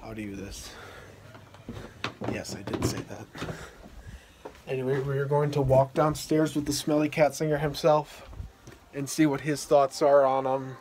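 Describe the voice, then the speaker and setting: A man's voice: mid-range voice, steady tone, measured pace, pauses often, a little mellow, slight background noise. A young man hosting a vlog, filming his friends in a basement and joking with them as he goes. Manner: joking, teasing, laughs often. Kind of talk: casual chat. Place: cluttered home basement. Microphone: handheld camera.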